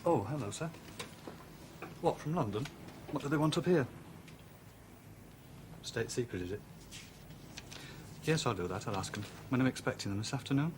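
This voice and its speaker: An actor playing a male desk police officer who speaks slowly and ploddingly in a British TV police drama. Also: mid-range voice, expressive, noisy background, lightly acted.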